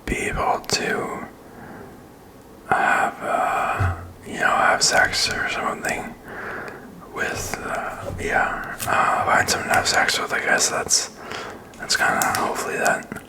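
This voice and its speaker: A man speaks entirely in a whisper, in an ASMR style. His delivery is slow and halting, wandering along unscripted. He is right up against the microphone in a small indoor room. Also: rough recording. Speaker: ASMR video creator. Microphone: desk microphone with furry windscreen, very close.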